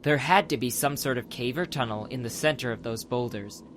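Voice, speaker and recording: A man with a mid-pitched voice narrates a scripted adventure tale briskly, in dramatic audiobook fashion. Faint background ambience can be heard under his reading.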